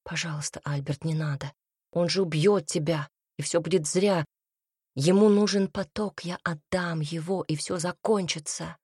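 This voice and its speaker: A woman's voice: lowish voice, steady tone, normal speed, darkish tone, slightly rough, no room sound, clean studio sound. A woman reading the part of a self-sacrificing young woman in a storybook, speaking in an earnest, pleading way.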